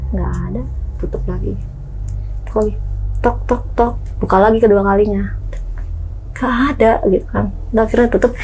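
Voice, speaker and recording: A woman's voice: medium pitch, a little fast, long pauses, faint music behind, rough recording. A young woman, casually telling a true ghost story as a guest, acting out knocks and voices. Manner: lively, acts out knocks and voices.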